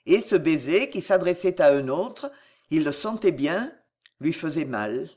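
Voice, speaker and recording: A narrator giving a dramatic, expressive reading of a period novel. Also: mid-range voice, unhurried.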